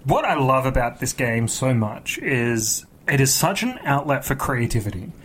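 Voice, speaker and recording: A man with a mid-pitched voice talks casually as a podcast co-host. He is enthusiastic about his hobby and tends to ramble as he tells stories, in a relaxed conversational style. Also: moderate pace, slightly rough.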